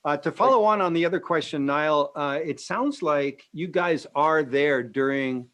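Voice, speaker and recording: A man with a fairly high pitch asks questions on a video call. He is friendly and probing, and he follows up on the answers in casual speech. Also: normal speed, fairly bright tone. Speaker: audience member asking questions.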